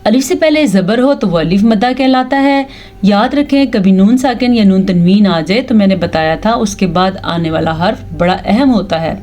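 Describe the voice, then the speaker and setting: A woman with a Pakistani Urdu accent gives a patient tajweed lesson at a middle, even pitch. She explains the rules of pronunciation step by step. Between the explanations she recites the verses slowly and carefully, stretching the sounds. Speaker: Quran tajweed teacher.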